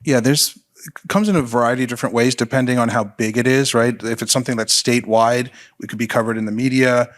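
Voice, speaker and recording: Measured man answering a panel question. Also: mid-range voice, steady tone, dry recording. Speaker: panelist, voting rights advocate. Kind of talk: panel discussion.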